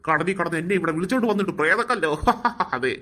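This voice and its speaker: A gloating stone spirit from a cartoon taunts in a deep, mocking growl. Cackling laughter runs through its menacing lines. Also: female voice, animated, rapid-fire, fairly bright tone. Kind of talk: cartoon voice acting.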